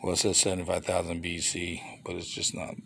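Here the toy reseller's voice sits low with vocal fry and a fairly bright tone, delivered in a monotone at a slightly fast pace, with a little hiss or hum on the recording. He films his flea market finds on a handheld phone at an indoor table of toys. It's a casual off-camera show-and-tell vlog, and he rambles with mild grumbling asides.

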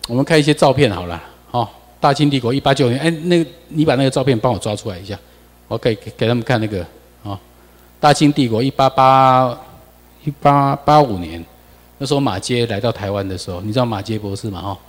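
Taiwanese male lecturer, mid pitch, lively rhetorical delivery, long hall reverb. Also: fairly quick. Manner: animated, rhetorical questions to the audience. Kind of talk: classroom lecture with slides.

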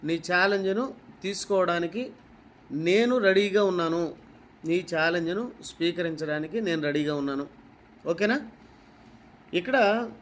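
A man from Kadapa with a Kadapa Telugu accent, a preacher scolding a rival with rapid rhetorical questions and repetition. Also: high-pitched, a bit bright, slight background noise. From Kadapa, Andhra Pradesh. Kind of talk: confrontational rebuttal speech.

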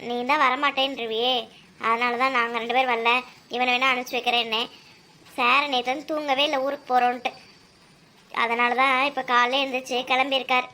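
A woman's voice: sits high, flat delivery, a little fast, sharp tone. A woman voicing a patient mother who explains things to her children in a cartoon. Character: patient mother of two kids.

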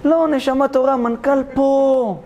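A rabbi tells a parable in an animated, theatrical way. His voice sits high for a man and jumps between exclamations and asides, with a faint hiss behind it. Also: lo-fi sound. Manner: animated, theatrical storytelling, addresses the audience directly. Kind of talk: storytelling sermon.

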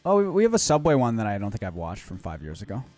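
A man's voice: on the low side, fast, no room sound, soft background music. A man co-hosting a live stream, reacting to videos in casual, blunt chat with frequent swearing. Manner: blunt, swears often, lively.

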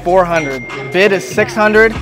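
Loud crowds and music fill the background as a young male YouTuber, in his twenties, chats casually for his prank vlog at a sneaker convention, wearing a lapel mic. He speaks slowly in a high, animated voice, relaxed and slangy, swearing plenty.

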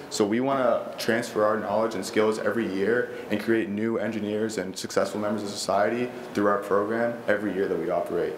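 In a large indoor school library meeting room, an eager teenage boy with a lowish voice presents his robotics team to a school board from a lectern microphone. His earnest delivery is full of fillers and restarts, and the echoey space carries faint background noise.

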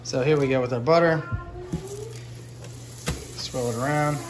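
A man's voice: mid-range voice, measured pace, background noise. Chatty man cooking in a home kitchen. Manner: relaxed, chatty, talks while cooking. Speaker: fishing vlogger. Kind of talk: casual cooking narration. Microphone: handheld phone camera.

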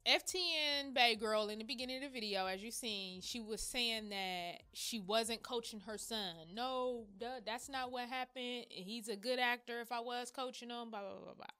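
A woman's voice: fairly high pitch, normal speed, hardly any pauses, bright, forceful tone, clear, resonant tone. A woman hosting a casual gossip commentary vlog, blunt and exclamatory, talking straight to her viewers. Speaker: host of a gossip commentary channel.

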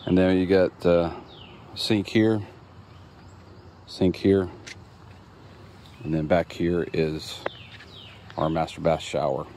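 A deep-voiced homeowner walks slowly through his construction site, casually explaining the plumbing with plenty of ums and long pauses. The outdoor audio comes from a phone camera held as he walks, and background noise is clearly present.

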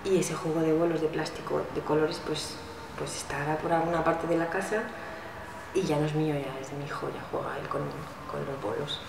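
Calm voice. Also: mid-range voice, a little fast. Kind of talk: documentary interview. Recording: roomy distant clip, noisy.

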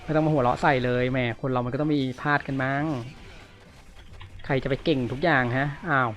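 A man giving casual gameplay commentary, excitable, often exclaiming and groaning. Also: mid-range voice, brisk. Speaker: gamer. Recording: dull lo-fi audio with game music. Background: game music.

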